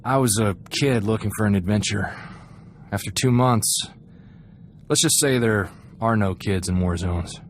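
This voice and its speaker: Reflective and sincere, the video game character is an earnest young freighter crewman full of ideals, voiced by an actor in a fairly low, unhurried, lightly acted way. He talks in a chatty, folksy manner, and clear ambient background noise can be heard.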